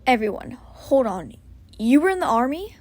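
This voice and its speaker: A woman voicing a cheeky male firefighter who teases his friends loudly and playfully. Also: sits high, sing-song, normal speed, no room sound. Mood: teasing. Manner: loud and playful.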